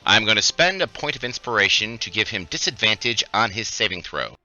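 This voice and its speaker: Male tabletop player, playfully dramatic. Low, very forceful voice, slightly muffled recording. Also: sing-song, brisk, faint music behind. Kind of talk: improvised game narration and casual table talk.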